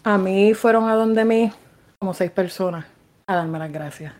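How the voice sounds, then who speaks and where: A woman's voice: mid-range voice, a little slow. Foul-mouthed Puerto Rican woman storyteller. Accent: Puerto Rican Spanish. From Puerto Rico. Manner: profane, animated storytelling with shouted quotes. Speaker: podcast co-host. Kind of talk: casual chat.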